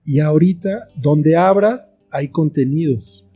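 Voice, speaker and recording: Speaking slowly in a voice on the high side, a middle-aged man with a Mexican accent reflects as a guest in a conversational interview. He is a writer and filmmaker, and faint, softly plucked guitar can be heard in the background.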